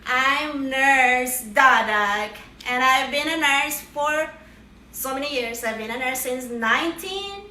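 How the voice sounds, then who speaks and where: A high-pitched, bright, forceful voice belongs to a middle-aged woman who vlogs as a home cook, speaking slowly. She demonstrates a home recipe in a playful, joking way, punctuated by cheerful "ta-da" exclamations. The mic is a distant camera across the kitchen, so there's roomy echo and faint kitchen clatter.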